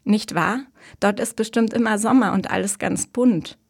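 A woman voicing an excited young girl who is about to be married, talking in a breathless, bubbly rush. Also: medium pitch, normal speed, creaky, husky. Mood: dreamy.

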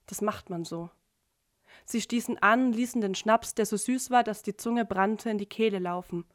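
A woman giving a literary reading of prose in a steady, measured way. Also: medium pitch, dry recording, studio quality. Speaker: reader.

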